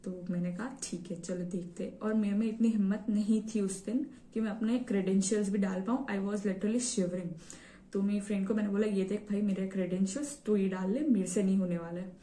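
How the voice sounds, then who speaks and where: A woman's voice: mid-range voice, fairly even intonation, brisk, warm tone, recorded from a distance. A young woman telling her own story to camera in a casual, eager way, with many fillers. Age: young adult. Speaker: vlogger sharing her exam story. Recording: roomy echo, set back from the mic.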